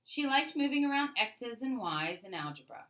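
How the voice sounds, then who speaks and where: On the high side, a woman storyteller reads a children's picture book aloud, phrasing things deliberately. She delivers it expressively, with plenty of emphasis.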